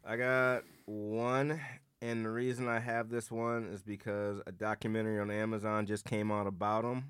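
Smooth low-voiced man co-hosting a podcast. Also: moderate pace, no echo. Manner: jokey, relaxed, swears casually. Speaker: podcast co-host. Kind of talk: casual podcast chat.

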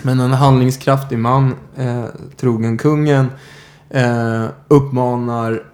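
A man hosting a podcast, telling a true-crime story in a casual way, often pausing on filler sounds. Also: medium pitch, flat delivery, darkish tone. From Sweden. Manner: hesitant, many filler "eh"s. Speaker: podcast host.

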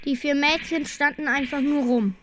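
A woman reading a children's story aloud in a lively storytelling manner. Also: high voice, moderate pace, background noise. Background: loud music.

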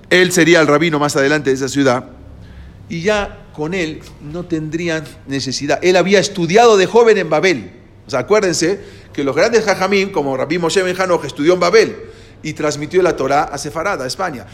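Hombre que da una clase explicativa, voz algo aguda. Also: male voice, on the high side. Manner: explanatory, asks the listeners "¿no?" and "¿sí?" often, with hesitations. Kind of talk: lecture to a class.

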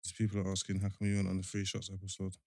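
A man's voice: low-pitched, completely flat delivery, very fast, gravelly, warm tone, dry recording, studio quality. A man with a London roadman accent, bantering casually as a podcast host in street slang. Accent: London, urban roadman street slang.

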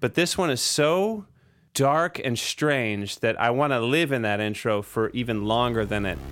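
A man's voice: mid-range voice, measured pace, clean tone. A man co-hosting a podcast, chatting loosely about recording a song, with plenty of fillers. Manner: relaxed, rambling with fillers. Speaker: podcast co-host, drummer. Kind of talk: casual chat about their record.

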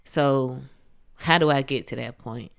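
A woman's voice: very deep voice, unhurried, gravelly. A woman in her thirties co-hosting a podcast, chatty, laughing often and acting out quotes. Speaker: podcast co-host. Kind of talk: casual chat.

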